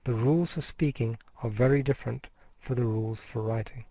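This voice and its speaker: A middle-aged man gives a recorded course lecture to university students, explaining things step by step and sometimes restarting a word mid-phrase. He speaks fairly quickly with a mellow, medium-pitched voice and no echo.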